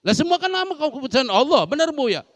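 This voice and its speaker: A man's voice: very high-pitched, sing-song, fast, dry recording. A man teaching a humorous Islamic study lesson in a large mosque, joking and constantly quizzing the women listening. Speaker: religious teacher.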